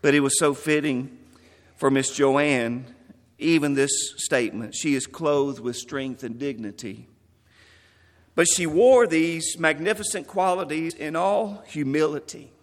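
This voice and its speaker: Man pastor, measured memorial sermon, slightly high voice, reverberant church sound. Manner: earnest, measured, quoting scripture.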